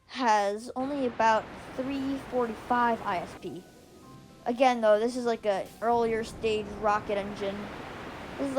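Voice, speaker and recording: A woman with a squeaky voice giving casual, rambling gameplay commentary, often going off on tangents and restarting her sentences. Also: rough recording. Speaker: gaming video creator. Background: faint music and controller clicks.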